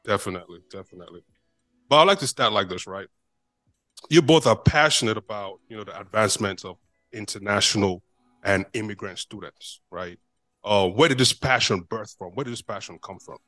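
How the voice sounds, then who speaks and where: A man's voice: on the low side, brisk, fairly bright tone, dry recording, faint music behind. A man hosting a casual interview podcast, talking loosely with many fillers; he came to the United States as an immigrant. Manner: rambling, many fillers like "you know what I mean". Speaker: podcast host.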